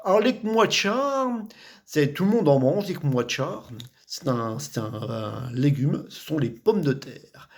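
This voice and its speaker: A man with a Vosges French accent chats casually about regional words. His voice sits a little high, and he circles back on himself with fillers and restarts. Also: creaky. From Vosges, France. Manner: chatty, repetitive, many fillers and restarts. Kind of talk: casual vlog explaining local words.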